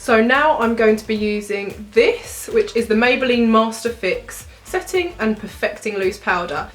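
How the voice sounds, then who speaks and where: A woman's voice: a little high, expressive, normal speed, a bit bright, echoey room, soft background music. A young woman vlogger chatting casually and cheerfully through a makeup tutorial, with giggly asides. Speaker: beauty vlogger.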